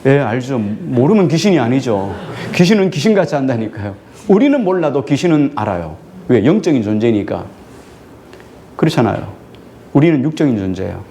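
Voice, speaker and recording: A male pastor preaching a sermon to his congregation, putting questions to them and answering them himself, and drawing out key words slowly for emphasis. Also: medium pitch, very animated, mellow, a little hiss or hum. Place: church sanctuary.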